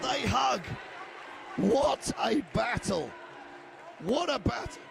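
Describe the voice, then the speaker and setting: A hoarse man with a high, gravelly voice calls a fight live, shouting often and taking his time. A noisy broadcast feed hums underneath. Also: animated, slow, crowd noise. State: losing his voice. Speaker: fight commentator. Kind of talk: live sports commentary.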